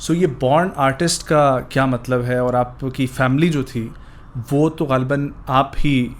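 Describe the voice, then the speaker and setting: A man's voice: mid-range voice, fairly even intonation. A man hosting a podcast who interviews his guest with short, prompting questions and mixes English into them. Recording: faint background noise.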